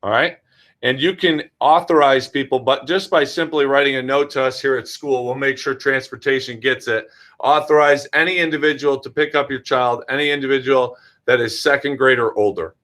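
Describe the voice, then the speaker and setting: An American man with a very bright, forceful voice at a middle pitch hosts a school orientation. He takes questions informally and talks straight to parents and young children, checking in as he goes. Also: steady tone, moderate pace. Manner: addresses parents and children directly, checks in with frequent "all right". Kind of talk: informal question-and-answer presentation.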